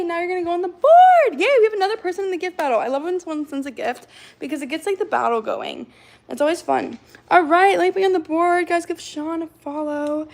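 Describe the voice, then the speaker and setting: This woman in her twenties chats casually on a livestream in a raspy, gravelly voice that's slightly hoarse yet a bit mellow. She pitches a little higher than most women and fills her talk with "like." Faint noise hums beneath her.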